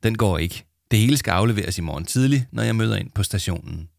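A man's voice: lowish voice, animated, creaky, no room sound, studio quality. A man reading a storybook aloud, voicing an easygoing, reassuring father. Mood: calm. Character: calm, patient middle-aged father.

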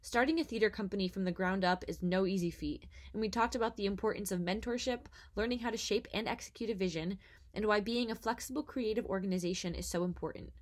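A woman's voice: medium pitch, fast talker. A young woman hosting an interview podcast, reading a scripted intro and then asking friendly conversational questions. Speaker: podcast host.

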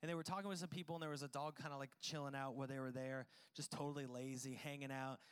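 This pastor's sermon to the congregation at a church service is casual and conversational, full of jokes at his own expense. He speaks quickly in a smooth, mid-range voice with a steady tone.

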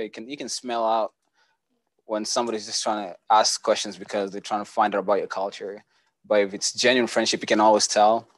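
A young man from Kenya giving a casual, earnest church testimony, relaxed and full of fillers. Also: mid-range voice, no echo.

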